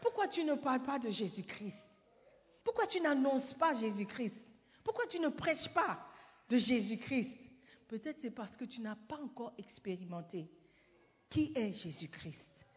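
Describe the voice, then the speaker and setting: High-voiced preaching woman, echoing hall. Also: very animated, measured pace. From Ghana. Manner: switches between French and English, asks the congregation questions; rises to shouting declarations. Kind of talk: sermon. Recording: dull echoey hall sound.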